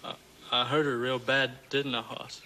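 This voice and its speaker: An actor playing a simple-minded, childlike, remorseful hunted man in a 1960s TV western, with halting, rustic American speech. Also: medium pitch, level tone, bright, forceful tone, a little hiss or hum. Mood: sorrowful. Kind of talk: 1960s television western acting. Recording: old TV soundtrack with music underneath.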